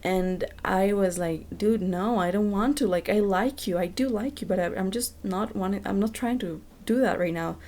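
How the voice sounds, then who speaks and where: Mellow-voiced young woman telling a candid story. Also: mid-range voice, moderate pace, few pauses. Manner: candid, rambling, swears casually, many fillers. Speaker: vlogger. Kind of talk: casual storytime monologue.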